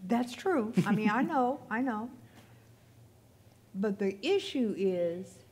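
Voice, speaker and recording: A woman's voice: mid-range voice, expressive, slow pace, a little mellow. An older woman speaking as an archivist on a panel discussion before an audience, in a conversational way, thinking aloud. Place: event hall with audience.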